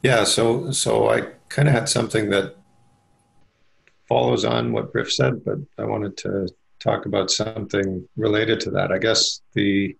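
A man's voice: on the low side, level tone, measured pace, vocal fry, breathy edge, rough recording. A middle-aged man speaking on a handheld mic at a meditation meetup, rambling and candid with many fillers. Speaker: meditation group member. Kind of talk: group discussion share. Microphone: handheld mic passed around.

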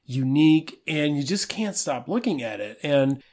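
A man co-hosting a travel podcast, talking in a relaxed, easygoing way and laughing at himself. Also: on the high side, normal speed. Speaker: podcast co-host. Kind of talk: casual travel podcast chat.

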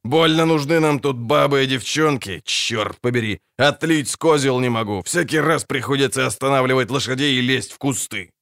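A man voicing a grumpy, foul-mouthed dwarf wagon driver in an audiobook, gruff and barking. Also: medium pitch, moderate pace, few pauses, a bit bright, dry recording, clean studio sound. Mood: angry. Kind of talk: audiobook character voice.

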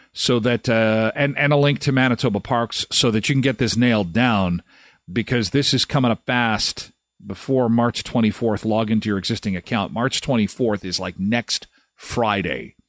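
A man hosts a live morning show, chatting casually and cracking jokes between announcements. His voice sits at an ordinary middle pitch, and the recording is dry and close with no room sound. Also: dry recording. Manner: jokey, rambling, many fillers.

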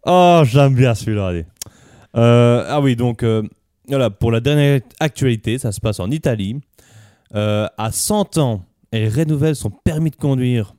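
An easygoing male host leads improvised radio comedy, hesitating often between thoughts. His voice is mellow and smooth. The recording is dry and close. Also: medium pitch, animated, normal speed, no room sound.

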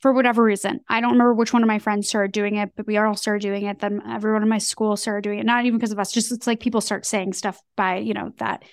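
A young woman co-hosting a casual podcast chat, talking in an animated way with many fillers. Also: mid-range voice, fast talker, hardly any pauses, dry recording, studio quality. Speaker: co-host. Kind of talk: casual chat, reads news in a newscaster voice.

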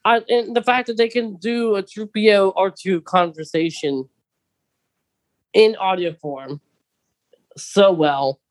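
The podcast co-host talks at a slow pace with long pauses, using a mid-range voice to lead a casual chat and keep it going with questions. There are lots of "um"s and self-restarts throughout.

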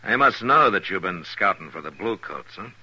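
A man acting as a stern, steady frontier marshal in a 1950s radio western, laconic and commanding, measured in delivery. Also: low voice, breathy edge, muffled recording, full character voice. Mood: measured, probing. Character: stern, steady male frontier marshal, patient but firm. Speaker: lead actor in a radio western. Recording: noisy vintage 1950s radio broadcast recording.

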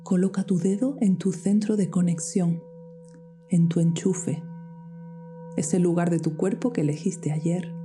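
A woman guiding a meditation in a soft, slow voice that often drops to a whisper. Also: lowish voice, steady tone. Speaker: meditation guide. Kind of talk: guided meditation. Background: soft music with singing bowls.

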